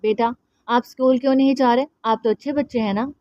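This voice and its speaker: A woman's voice: fairly high pitch, steady tone, fairly quick, dry recording, dull audio, lightly acted. A woman reading a doting young uncle. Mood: fond. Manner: gentle, coaxing.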